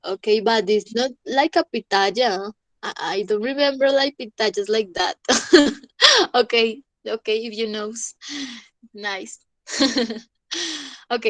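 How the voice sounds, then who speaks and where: A young woman, teaching an English vocabulary class online. She goes slowly, says each word twice and checks in with the class. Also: on the high side, no echo. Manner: slow, repeats each word and asks "¿listo?".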